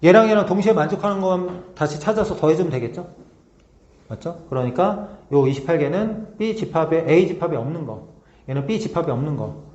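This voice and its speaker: Man teaching math, slow check-in style. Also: on the high side, expressive, darkish tone. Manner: talks through steps slowly, checking in with tag questions. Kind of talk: whiteboard lesson walkthrough. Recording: roomy, slightly dull recording with faint noise.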